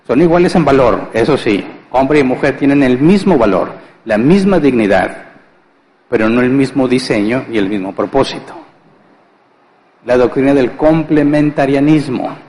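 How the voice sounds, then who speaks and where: A man preaches a Sunday sermon at a middle pitch. He keeps posing questions to the congregation and answering them himself. His voice carries a long reverb from a church hall. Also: animated, moderate pace, darkish tone, slight background noise. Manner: conversational, asks rhetorical questions and answers them; acts out household scenes with humor. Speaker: pastor.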